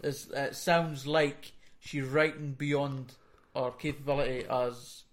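A Scottish man with a Fife accent gives his critique in casual conversation. His voice sits at an ordinary pitch, and his words come out mumbled through a barely open mouth. He is blunt and swears freely. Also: fairly even intonation, takes it slowly. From Fife, Scotland. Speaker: music critic on a hip hop review show. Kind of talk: casual chat.

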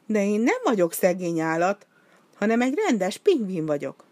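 A woman's voice: medium pitch, sing-song, darkish tone, no echo, pitched above the performer's own voice. A woman voicing a small, polite male penguin with a pleading, apologetic manner. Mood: indignant.

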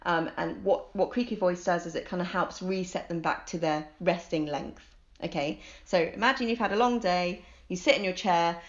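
A woman's voice: lowish voice, normal speed, few pauses. A woman, a vocal coach, explaining voice care in an upbeat, coaching manner on a podcast. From United Kingdom. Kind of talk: podcast conversation. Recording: dull lo-fi sound.

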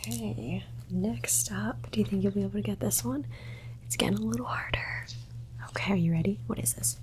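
A woman whispering an ASMR roleplay in a soft, teasing and playfully bossy way. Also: mid-range voice, a little fast, a little hiss or hum. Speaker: ASMR creator.

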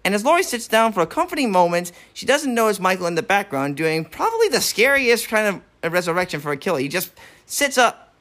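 Animated guy cohosting a podcast, kinda high voice, cusses a lot. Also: fast talker. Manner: animated, swears freely. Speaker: podcast co-host. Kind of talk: casual film recap chat.

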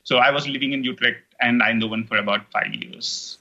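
A middle-aged man from India, a Telugu native speaking accented Indian English, chats as an interview guest about being an online course creator. Slightly fast and steady, his mid-range voice is bright and forceful with vocal fry, and he rambles with many fillers and restarts over lo-fi sound.

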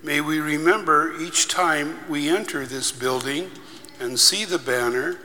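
A man leading a solemn church blessing in measured, deliberate phrases, his voice ringing in a long cathedral echo. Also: on the high side, bright, forceful tone. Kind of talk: solemn liturgical prayer. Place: large reverberant church.

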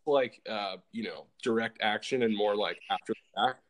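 A man's voice: fairly low pitch, normal speed. Rambling man hosting a podcast. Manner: rambling, full of "like" fillers and restarts. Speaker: podcast host. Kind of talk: casual podcast chat, telling a true story.

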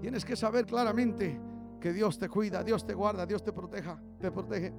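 A male pastor preaching fervently, swinging between loud shouts and low murmurs. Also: steady tone, normal speed, music in the background. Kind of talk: bilingual sermon.

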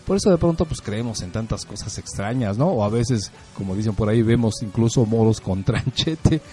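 Dark-voiced Mexican man telling stories. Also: on the low side, expressive, normal speed, soft background music. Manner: storytelling, conversational, rhetorical questions. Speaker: host. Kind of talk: casual talk about parenting.

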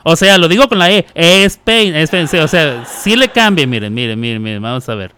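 A man's voice: a little high, very animated, a little fast, pushed and bright, slight background noise. A man hosting a radio show, chatting casually, teasing listeners and laughing often. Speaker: radio host.

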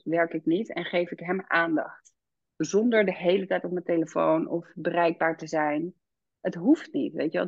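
A woman's voice: lowish voice, dry recording, highs cut off. A woman in her thirties, a podcast guest who speaks candidly and reflectively, with many hesitations. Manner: reflective, many fillers, animated when quoting her child. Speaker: podcast guest, founder and midwife. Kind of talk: candid conversational interview.

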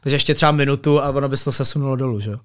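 A man recalling a club night with lively storytelling energy, tossing in borrowed English words. His voice sits at an ordinary mid pitch. The recording is dry and close, with almost no room sound. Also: dry recording. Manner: animated storyteller, colloquial with English loanwords. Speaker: event organizer and DJ guest. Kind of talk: casual podcast conversation.

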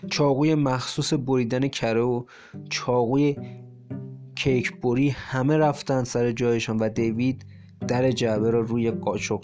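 A man reading a short story aloud as an audiobook, in a measured, steady storytelling manner. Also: medium pitch. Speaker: audiobook narrator. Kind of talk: scripted narration. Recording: faint guitar music bed. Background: soft guitar music.

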